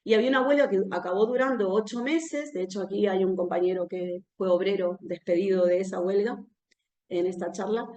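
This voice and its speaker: A woman's voice: mid-range voice, steady tone, a little fast, mellow. A woman from Argentina with an Argentine accent giving a live public talk in a conversational way, often ending phrases with a questioning "no?". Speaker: speaker at a political talk. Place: room where a talk is held, with an audience. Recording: roomy echo.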